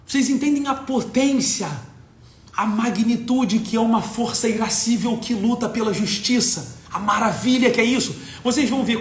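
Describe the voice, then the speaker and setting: Brazilian man, impassioned talk, blunt and profane, faint background rumble. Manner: emphatic, blunt, swears for emphasis. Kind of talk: impassioned lecture to an audience. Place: at home. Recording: echoey room with faint rumble.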